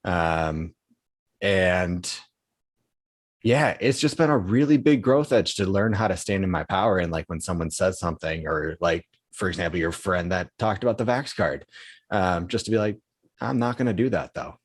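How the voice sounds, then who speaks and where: A man's voice: low-pitched, normal speed, no room sound. A man hosting a podcast, talking in an earnest, reflective way with loose phrasing. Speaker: podcast host. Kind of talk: casual conversation.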